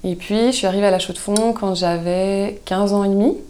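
A woman, a guest chatting casually in an interview, relaxed and thoughtful with frequent hesitations. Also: medium pitch, fairly quick. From Switzerland. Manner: relaxed, thoughtful, many hesitations, laughs easily. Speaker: guest, soap maker.

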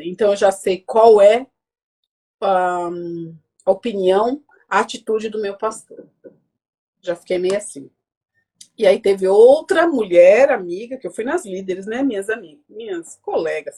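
Husky Brazilian-Portuguese-free woman storyteller. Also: medium pitch, normal speed. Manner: animated, acts out quoted dialogue. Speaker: guest speaker. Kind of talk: emotional conversational storytelling.

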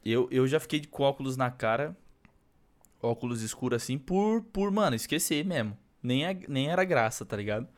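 A man's voice: medium pitch, animated, normal speed. Casual young Brazilian man chatting on a podcast. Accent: Brazilian Portuguese. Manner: informal, playful, swears casually. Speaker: podcast co-host. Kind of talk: casual, slangy podcast chat.

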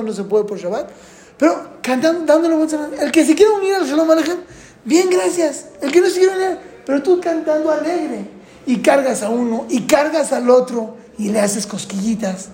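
Older man teaching in an echoey room. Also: very high-pitched. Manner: animated, teasing, acts out scenes. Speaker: religious teacher. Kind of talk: lively instructional talk to parents.

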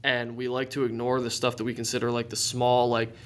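A man's voice: mid-range voice, completely flat delivery, a little fast. Young guy hosting a podcast, earnest, says like a lot, normal mid voice. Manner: earnest, reflective, lots of filler "like". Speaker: podcast host. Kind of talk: casual conversation.

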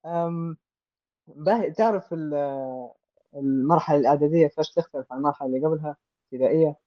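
A man with a Libyan Arabic accent, hosting a casual interview and gently drawing answers out of young guests. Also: a little high, quick pace, no room sound, lo-fi sound.

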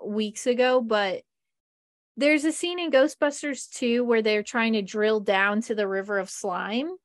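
A woman with a fairly high voice hosts a podcast, chatting and telling stories with plenty of fillers and laughs. The sound is dry and close. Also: measured pace, no room sound. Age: adult with a husband. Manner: chatty storyteller, laughs often, lots of "like". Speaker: podcast host. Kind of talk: casual chat about movies.

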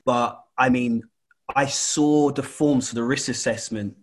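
Man, casual conversation, exasperated tone, repeats points for emphasis, average pitch. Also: steady tone, measured pace. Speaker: school or college staff member. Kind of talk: casual chat.

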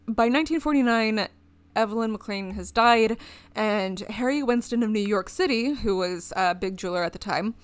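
A woman's voice: mid-range voice, moderate pace, no echo. A woman co-hosting a podcast, telling a history story in a rambling, casual way and laughing often. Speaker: podcast co-host.

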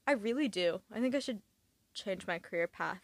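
A woman's voice: mid-range voice, lively intonation, normal speed, no echo. A young woman from California in her twenties hosting a casual chat, with chatty, dryly sarcastic asides.

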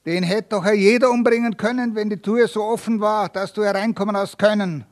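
A man's voice: very high-pitched, animated, moderate pace, voice pushed up. A man reading aloud and voicing a desperate accused villager who groans and pleads his innocence. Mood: pleading.

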